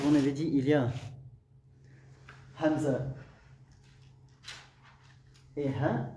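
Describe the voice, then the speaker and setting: A man's voice: fairly high pitch, warm tone. A man teaching a classroom lesson on Arabic letters, explaining step by step, repeating terms and checking in with his students. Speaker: Quran recitation teacher. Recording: roomy echo, distant mic, faint hum.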